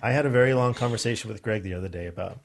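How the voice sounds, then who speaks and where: A man's voice: on the low side, racing, creaky. A man co-hosting a casual podcast chat about acting and production. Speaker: podcast co-host.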